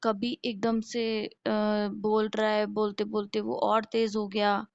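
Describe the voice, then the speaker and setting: This woman lectures on nursing slowly, her mid-range voice level and creaky, in a dull lo-fi recording without echo. She asks questions and answers them herself, explains step by step, and checks in with the class.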